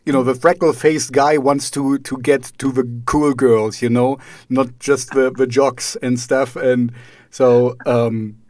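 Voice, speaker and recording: A man's voice: mid-range voice, level tone, takes it slowly, a little mellow, dry recording. A man whose first language is not English, hosting an interview and stumbling over his words. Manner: hesitant, stumbles and repeats words. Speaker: podcast host. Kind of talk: casual interview questions.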